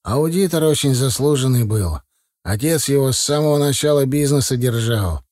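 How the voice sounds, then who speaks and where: A man's voice: medium pitch, normal speed, darkish tone, no room sound, clean studio sound, close to an everyday voice. A man voicing an earnest young heir of a family business in an audiobook, speaking in a confiding tone.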